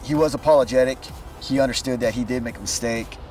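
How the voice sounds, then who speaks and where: A middle-aged male police officer recounting an incident to camera in formal, halting police wording, outdoors. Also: mid-range voice, darkish tone, recorded from a distance, faint music behind. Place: outdoors at night by a patrol car.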